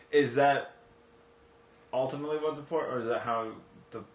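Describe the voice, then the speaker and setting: A man's voice: mid-range voice, steady tone, normal speed, echoey room. A man hosting a casual podcast conversation in a home office, swearing casually and laughing often. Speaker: podcast host.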